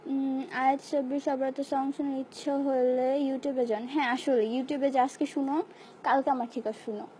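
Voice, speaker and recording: Hoarse young woman, high mellow voice, playful live-chat host reading viewer comments. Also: flat delivery, normal speed, a little hiss or hum. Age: young adult. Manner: chatty, playful, mixes English phrases into casual replies. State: hoarse, sore throat.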